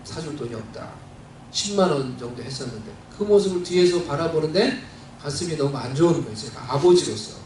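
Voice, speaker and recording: Male pastor, storytelling sermon, conversational and heartfelt, booming church reverb, faint room hiss. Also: animated, a little fast, darkish tone. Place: church sanctuary. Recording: very echoey church hall, mic at a distance.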